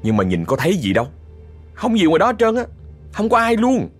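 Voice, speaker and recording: A man's voice: sits high, huge pitch swings, a little fast, breathy edge, soft background music. A man with a Southern Vietnamese accent telling a ghost story in a chatty way, often speaking straight to his listeners. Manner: chatty, addresses listeners directly. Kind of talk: told horror story.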